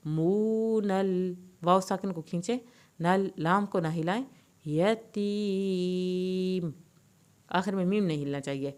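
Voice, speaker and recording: A woman teaching Quran recitation, slowly drawing out verses and then briskly explaining pronunciation rules. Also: lowish voice. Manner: slow drawn-out recitation alternating with brisk explanations.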